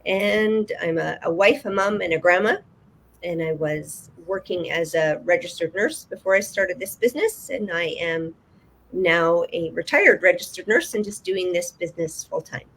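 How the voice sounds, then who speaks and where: A woman in her sixties from Canada, calmly introducing herself on a live online chat over a video call. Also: on the low side, normal speed, slight background noise. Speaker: regular co-host, business owner.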